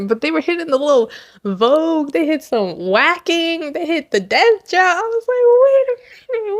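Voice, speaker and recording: A woman giving casual, gushing movie commentary, excitable and full of slang, laughing often. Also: on the high side, dry recording, studio quality. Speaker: commentary host.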